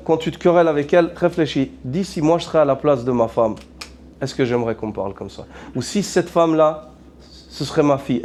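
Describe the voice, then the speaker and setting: A man's voice: fairly high pitch, darkish tone, a little hiss or hum. A man, an imam, preaching a sermon earnestly, mixing in Arabic phrases and asking repeated rhetorical questions.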